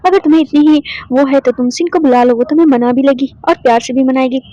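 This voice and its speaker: A woman's voice: high voice, fast, warm tone, lightly acted. A woman voicing a short-tempered, jealous young man who talks in an irritable, snapping way. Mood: irritated. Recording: dull, dry lo-fi voice recording.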